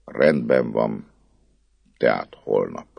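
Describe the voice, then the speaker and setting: Brief: an impatient, commanding churchman, voiced by a male reader, deep and rough-edged, short and harsh. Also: very animated, no room sound, lo-fi sound. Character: stern, impatient middle-aged male archdeacon.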